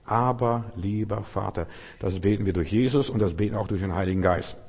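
A middle-aged man preaches with fervor, his low, husky voice ringing through a big hall with a long reverb. He calls out to the congregation and draws them into responses as he preaches. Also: a little fast, darkish tone. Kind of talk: sermon.

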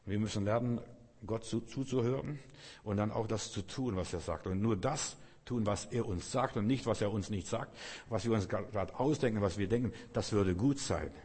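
A man's voice: fairly low pitch, normal speed, a little mellow, breathy edge. A man preaching a sermon, speaking earnestly and addressing the listener directly. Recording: long reverb.

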